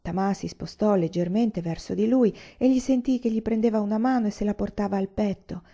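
Woman, audiobook reader, measured narration, gravelly, mellow, slightly muffled recording. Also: medium pitch. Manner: measured, even storytelling. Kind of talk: literary narration read aloud.

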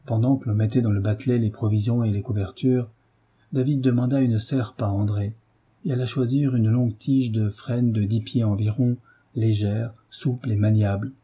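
A man reading a novel aloud as an audiobook narrator, measured and dramatic. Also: medium pitch, warm tone, breathy edge. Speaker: audiobook reader. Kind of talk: scripted narration.

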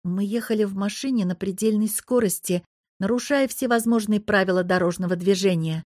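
A woman narrates a first-person fantasy story in a steady, even reading voice. Her pitch sits mid-range. The sound is dry and close-miked. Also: a little fast, no room sound. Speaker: audiobook narrator.

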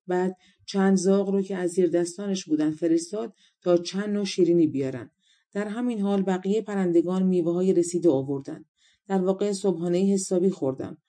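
A woman narrating a fairy tale audiobook, reading calmly and voicing each character in turn. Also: fairly low pitch. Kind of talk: storybook narration.

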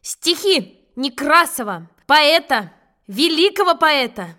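A woman's voice: high voice, very animated, moderate pace. A woman doing a cheeky bluffing schoolboy. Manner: loud, bluffing, eager. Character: cheeky boastful schoolboy caught unprepared.

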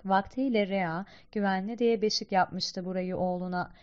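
A woman voicing a wise old male guide poet who speaks gravely and instructively. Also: mid-range voice, fairly even intonation, moderate pace, darkish tone, close to an everyday voice. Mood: calm. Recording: slightly dull lo-fi recording.

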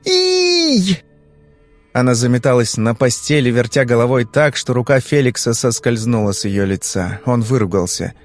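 A man's voice: mid-range voice, faint music behind. Man narrating an audiobook. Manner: even, measured storytelling. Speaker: audiobook reader. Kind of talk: scripted narration.

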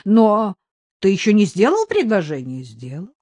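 A fretful middle-aged sister who bosses her brother and children about, as a woman reads her. Her lines jump up high and swing widely, in a close, dry reading. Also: huge pitch swings, normal speed, mellow, no echo. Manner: fretful, commanding. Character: anxious fussy middle-aged sister, bossy mother.

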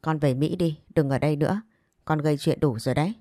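A woman's voice: low voice, fast, warm tone, no echo, studio quality, faint music behind, close to an everyday voice. A woman voicing a stern older father who firmly scolds his adopted daughter, in a narrated story. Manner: firm, admonishing.

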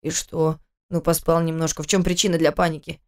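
A hoarse, grumpy man in his thirties, sick with fever, mumbling slowly and sullenly in a lowered voice, as a woman narrator puts him on. He sounds dull and puzzled in a storybook reading. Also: little pitch movement, a little mellow, close to an everyday voice. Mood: grumbling.

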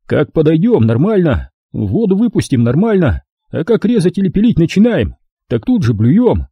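A man's voice: fairly high pitch, sing-song, moderate pace, breathy edge, dry recording, muffled recording, pitched above the performer's own voice, full character voice. A man reading an audiobook, voicing a dim-witted young thug who whines and complains. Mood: whiny. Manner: complaining, wheedling.

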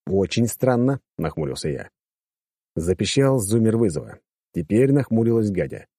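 Low-voiced man narrating, crude and wisecracking. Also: sing-song, moderate pace, creaky, dark tone, husky, no echo, clean studio sound. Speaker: audiobook narrator. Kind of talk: first-person audiobook narration.

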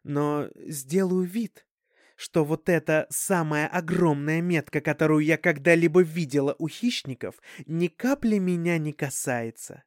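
Gentle protective mother, soft measured delivery, read by a male narrator, slightly high, dry recording. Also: no room sound, close to an everyday voice. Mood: gentle, caring.

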